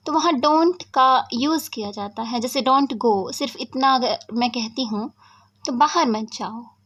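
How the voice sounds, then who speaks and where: A woman teaching a spoken English lesson, explaining patiently and saying example sentences very slowly. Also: high-pitched, fairly bright tone. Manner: slow, patient explaining with words read out very slowly.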